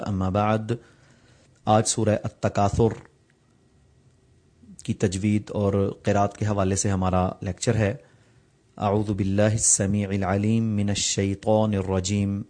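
A man teaching tajweed, explaining the rules plainly and reciting the examples slowly. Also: on the low side, warm tone.

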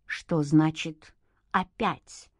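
A woman reading an audiobook, voicing a stern older man who speaks low, slow and curtly. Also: animated, no room sound, clean studio sound.

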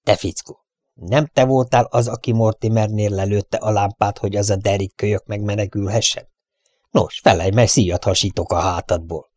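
A man's voice: fairly low pitch, fairly even intonation, darkish tone, dry recording, clean studio sound, lightly acted. A man voicing a cruel, mocking bandit who threatens and sneers. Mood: furious.

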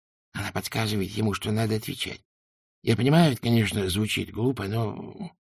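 A man doing a hushed, hissing beggar. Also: brisk, husky, no room sound, clean studio sound. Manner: hissing, low murmur. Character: nervous male beggar, hushed and wary.

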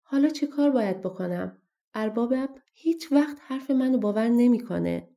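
A woman's voice: on the low side, steady tone, vocal fry, warm tone. A woman voicing a kind, frightened young farm girl with a pleading, tearful manner, in a storybook reading. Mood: desperate.

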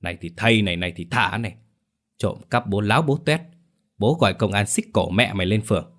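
A narrator puts on a hot-tempered village man. He swears in a low, rough voice, spitting abuse in rapid bursts. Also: a bit bright. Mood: raging. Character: hot-tempered, foul-mouthed middle-aged village man.

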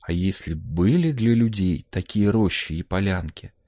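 A man giving a measured, theatrical recital of a narrative poem. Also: low voice, expressive, warm tone, no room sound, studio quality. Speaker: poetry reader. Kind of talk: expressive poetry recital.

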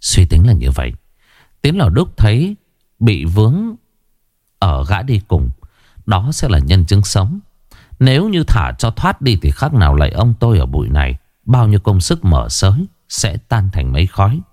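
A man narrating a crime story in an expressive storytelling manner. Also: lowish voice, moderate pace, no echo, studio quality. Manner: expressive, animated delivery.

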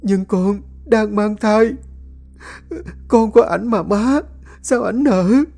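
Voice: medium pitch, slow pace, gravelly, mellow, faint music behind, voice pushed up. A storyteller voicing a meek young pregnant daughter-in-law who pleads and whimpers. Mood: pleading.

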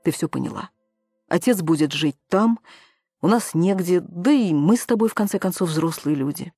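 A woman's voice: fairly low pitch, lively intonation, normal speed, mellow, slightly rough, no room sound, studio quality, soft background music. A woman reading as a weary, lecturing older brother. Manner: tired, lecturing. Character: weary young man, the patronizing older brother.

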